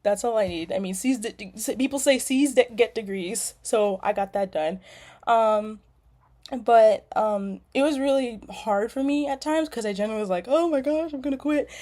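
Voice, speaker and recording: In a casual self-introduction video, a young Californian nursing student chats about herself, her fairly high, mellow voice moving at a normal speed and sprinkled with lots of "um" and "like." Lawnmowers can be heard running outside.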